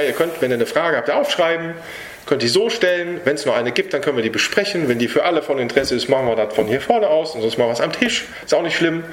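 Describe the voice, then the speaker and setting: A man's voice: a little high, fairly bright tone. A man preaching an earnest evangelistic sermon to an audience in a hall, talking directly to listeners, then leading a prayer. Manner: earnest, direct, speaks to listeners with tag questions. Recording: echoey hall.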